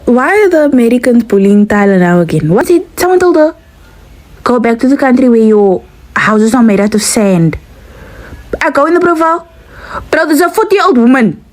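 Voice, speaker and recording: Exasperated high-voiced woman ranting. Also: poor audio. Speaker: commentator. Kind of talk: reaction commentary.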